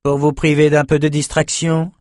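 A man's voice: on the high side, brisk, no room sound, pitched above the performer's own voice, natural voice. A man voicing a seasoned sorceress with a raised, dry, sarcastic delivery in an audiobook. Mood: sardonic. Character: sardonic sorceress woman, seasoned dragon fighter. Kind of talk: audiobook character voice.

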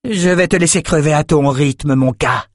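A man's voice: a little high, moderate pace, dry recording, studio quality, pitched above the performer's own voice, close to an everyday voice. A man voicing a fierce, vengeful female warrior with hard, clipped threats. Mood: grim.

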